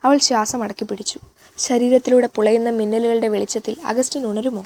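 A woman reading a literary novel aloud in a measured, expressive way. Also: on the high side. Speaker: audiobook reader.

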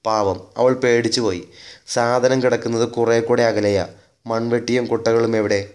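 A man's voice: medium pitch, steady tone, normal speed, a little mellow, lightly acted. A man voicing a cheeky, boastful village man who teases and coaxes in a spoken story. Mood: teasing.

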